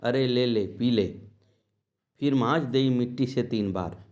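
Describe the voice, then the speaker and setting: A man's voice: medium pitch, slow, a little mellow, natural voice. A man voicing a teasing old village holy man. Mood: homely chiding. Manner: rustic dialect speech, homely and scolding.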